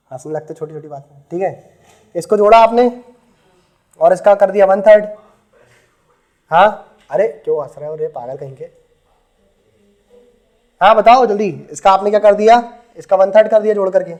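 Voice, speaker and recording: Male maths tutor, high voice, teasing, repeats dictation to the class. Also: moderate pace, pauses often, darkish tone. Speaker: maths teacher. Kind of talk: classroom lecture. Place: classroom with students.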